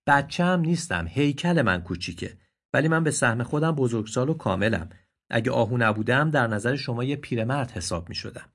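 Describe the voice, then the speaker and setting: A man voicing a proud, grieving adult male gazelle in a read-aloud story, in a raised, pleading, indignant voice with a husky tone. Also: medium pitch, expressive, a bit bright. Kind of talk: storybook voice acting.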